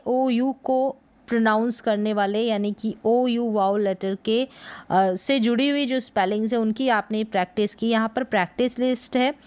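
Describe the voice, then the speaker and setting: A woman teaching English pronunciation in Hindi, sounding words out syllable by syllable in a slow spelling lesson. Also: fairly high pitch, clean tone.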